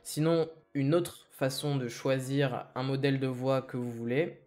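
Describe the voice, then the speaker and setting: A French-speaking man hosting a software tutorial, explaining each step calmly and reassuringly. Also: mid-range voice, measured pace. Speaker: tech tutorial host. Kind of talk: screen-recorded tutorial.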